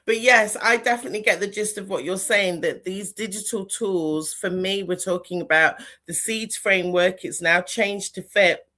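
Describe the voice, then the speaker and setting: A woman's voice: mid-range voice, normal speed, hardly any pauses, pushed and bright. A woman hosting a podcast interview over a video call, chatting casually and animatedly, laughing often. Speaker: podcast host.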